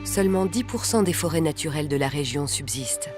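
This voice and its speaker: A narrator reading a scripted nature documentary in a measured, articulate way. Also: medium pitch, expressive. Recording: background music under the voice. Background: music.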